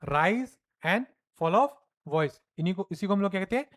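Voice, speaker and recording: A man's voice: sits high, normal speed. Hindi-speaking male teacher, question-and-answer lecture. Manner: lively, mixes Hindi and English, asks and answers his own questions. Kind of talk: classroom lecture.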